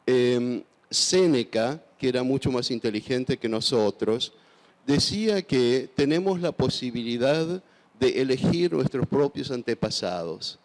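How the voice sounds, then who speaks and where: An Argentine author in his sixties answers interview questions on a large festival stage, holding a handheld microphone. His mid-range, darkish voice is animated yet measured in pace, thoughtful and hesitant with many fillers and restarts. A long hall reverb surrounds him, and there is a little hiss or hum.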